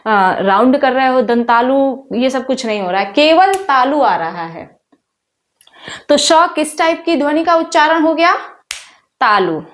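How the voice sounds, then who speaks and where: A woman teacher going through exam questions, asking her students questions and saying each sound aloud for them to repeat. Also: high voice. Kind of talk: exam-prep lesson.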